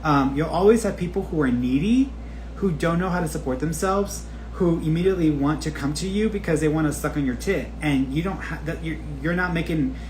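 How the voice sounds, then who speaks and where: A man with a fairly high, darkish voice talks at a quick clip, and the rough recording carries a little hiss or hum. Speaking as a spiritual teacher on a live stream, he rambles casually and candidly to his online followers, swearing freely and acting out quoted remarks with lots of expression.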